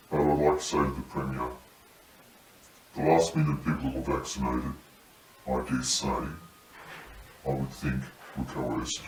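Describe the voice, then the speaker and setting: A man giving serious testimony as a paramedic whistleblower in measured, halting phrases, his voice electronically disguised to sound deep. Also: a little mellow. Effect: disguised deep voice, electronically lowered. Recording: roomy echo, distant mic, faint noise.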